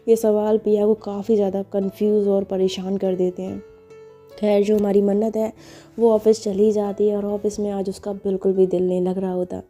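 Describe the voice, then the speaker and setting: A woman's voice: medium pitch, little pitch movement, normal speed, mellow, soft background music. A woman narrating a story in a chatty, conversational way, with casual asides.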